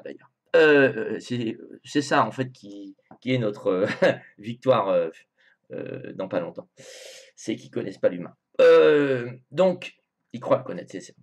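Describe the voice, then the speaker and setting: Male host, mid-pitched, halting delivery with lots of filler sounds, slips into indignant asides. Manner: hesitant, many filler sounds and restarts. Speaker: video host commenting on song lyrics. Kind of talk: casual spoken commentary.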